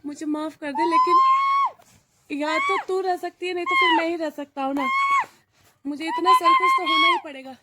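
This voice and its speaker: A frantic, self-pitying young man, as a woman acts him out, pleading and muttering with a voice that sits quite high and swings widely. The recording carries a loud hiss of background noise. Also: huge pitch swings, normal speed, heavily acted. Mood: pleading apology. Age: young adult. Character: young man, desperate guilty kidnapper boyfriend. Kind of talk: amateur dramatic acting.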